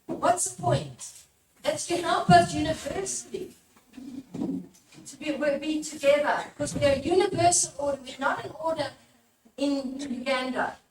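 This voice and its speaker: A high-voiced woman, a religious formator presenting a live workshop, speaks unhurriedly as she urges her audience on and poses questions to them. The mic catches her from a distance in an echoey room with some background noise.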